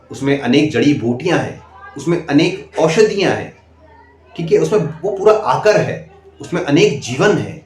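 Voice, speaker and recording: A man's voice: on the high side, a little mellow, a little hiss or hum. A man coaching interview candidates in speech, emphatic and repetitive, often asking "okay?". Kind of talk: direct-to-camera coaching talk. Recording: echoey room.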